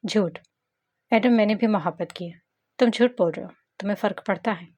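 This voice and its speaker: A grieving young woman speaks calmly, guarded and resigned, as a woman reading the story voices her. Her tone stays level and composed. The pitch sits at an ordinary middle height. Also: brisk, muffled recording, lightly acted. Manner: calm, resigned.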